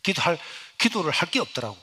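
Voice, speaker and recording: A middle-aged male pastor, preaching a sermon as personal testimony. He swings from loud exclamations to hushed, near-whispered lines. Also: fairly high pitch, very animated, fast talker, husky.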